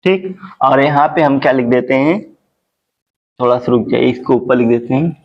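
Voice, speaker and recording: A male teacher giving a phonics lesson, repeating words slowly and asking questions to the class. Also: mid-range voice, lo-fi sound. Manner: slow, repetitive, drawn-out teaching.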